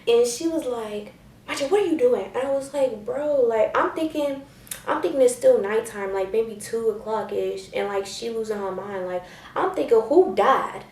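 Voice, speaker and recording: A woman's voice: a little high, normal speed, roomy sound, recorded from a distance. Slangy young woman telling a story. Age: young adult. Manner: animated, slangy, acts out quotes in a raised voice. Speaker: vlogger. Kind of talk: casual storytime.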